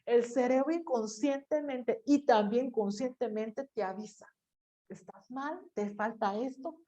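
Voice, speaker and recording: A woman's voice: on the high side, unhurried, warm tone. A woman teacher giving a chatty class lecture, acting out little inner voices as she explains. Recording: lo-fi dull audio.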